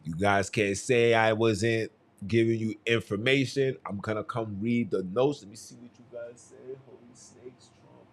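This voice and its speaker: Speaking a little slowly with a fairly low pitch and fairly even intonation, a young Haitian man runs a solo podcast of casual commentary. His tone is heated and emphatic, and he tends to repeat himself.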